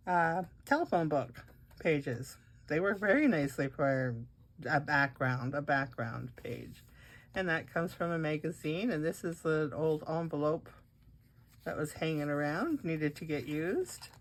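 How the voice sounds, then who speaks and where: A woman with a low voice and a lingering cold chats through a craft show-and-tell. She rambles, restarts her sentences and fills the gaps with "uh" as she goes. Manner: chatty, rambling, frequent restarts and "uh". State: has a cold, coughing and hiccups. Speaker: craft video host.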